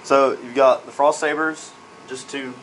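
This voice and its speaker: A man's voice: medium pitch, fairly even intonation, unhurried, a bit bright, slight background noise, poor audio. A man casually listing the units in his tabletop army, informal and correcting himself as he goes. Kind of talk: casual list rundown.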